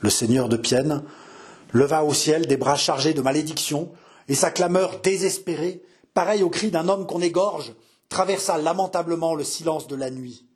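A man's voice: on the high side, normal speed. A man reading a historical novel aloud with theatrical, emphatic narration. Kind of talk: dramatic audiobook narration.

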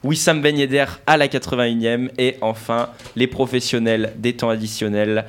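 A man hosting a sports radio show, presenting match results in a lively, upbeat way. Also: medium pitch, moderate pace. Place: radio studio.

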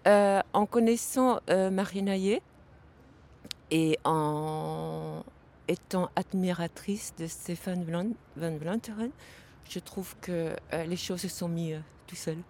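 A woman from Vietnam answers an interviewer's questions outdoors at a city station. She speaks slowly and haltingly, with frequent fillers and pauses. Faint traffic noise hums behind her. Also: lowish voice, a little mellow. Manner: hesitant, halting, with many fillers.

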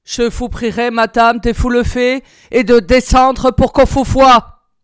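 A woman's voice: on the high side, fairly even intonation, measured pace, clean tone, dry recording, studio quality, faint music behind, pitched above the performer's own voice, lightly acted. A woman reading a story aloud, voicing a brusque, violent Prussian officer who gives harsh commands.

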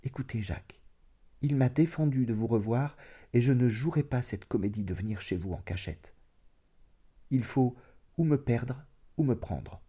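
A man reading aloud, voicing a proud, distressed young woman who speaks softly and gravely. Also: mid-range voice, normal speed, long pauses. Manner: grave, quietly firm pleading. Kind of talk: dramatic audiobook reading.

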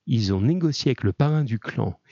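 A man's voice: mid-range voice, animated, a little fast, dark tone, no room sound, highs cut off. A man voicing a streetwise young male convict who boasts in a matter-of-fact way. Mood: boastful.

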